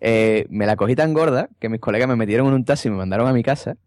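A man, chatting casually on a podcast and telling stories in a lively way, often repeating words. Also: mid-range voice, fast talker, dry recording, studio quality. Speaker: podcast co-host. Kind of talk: casual anecdote-telling chat.

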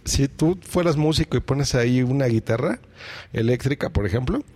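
A man's voice: medium pitch, animated, normal speed, a little mellow. A man and podcaster explaining audio gear step by step in a casual tutorial, speaking to viewers from his home mixing desk. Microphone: studio microphone through a mixing desk.

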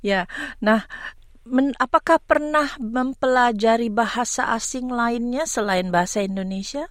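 A woman hosting a radio interview conversationally, putting her questions in an unhurried way and often rephrasing them. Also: a little high, dry recording, clean studio sound.

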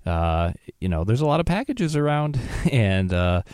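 A man's voice: lowish voice, very animated, a little slow, darkish tone, clear, resonant tone, dry recording, clean studio sound. A man co-hosting a talk show, discussing the news in a loose conversational way with many fillers and restarts. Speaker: co-host.

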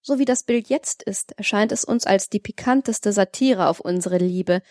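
A woman's voice: medium pitch, normal speed, a little mellow, dry recording, studio quality, close to an everyday voice. A woman reading the part of a domineering, worldly man who lectures with ironic liveliness in an audiobook. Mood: mocking lecture. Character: domineering worldly man, mocking, tyrannical toward women.

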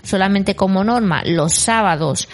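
A woman's voice: mid-range voice, measured pace. A woman in her thirties co-hosting a podcast, talking casually and emphatically as a mother. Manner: emphatic, repeats words. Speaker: podcast co-host. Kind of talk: casual chat.

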